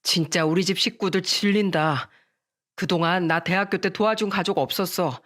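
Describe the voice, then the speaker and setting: A woman's voice: lowish voice, normal speed, fairly bright tone. Earnest young guy, firm and sincere, woman reading him, story radio. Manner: earnest, resolute. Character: earnest young man, a doctor-to-be groom.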